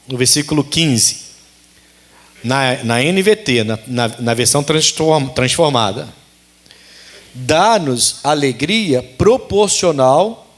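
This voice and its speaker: A man's voice: high-pitched, a bit bright. A Brazilian man preaching a sermon as pastor at a church service, emphatic and repeating his key phrases.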